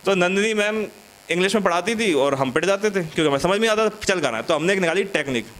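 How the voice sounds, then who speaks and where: A young male comedian with a high, light voice works through a stand-up set in a loose, chatty way. He teases the crowd and acts out little classroom scenes as he tells them. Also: expressive, fast talker, a bit bright. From India.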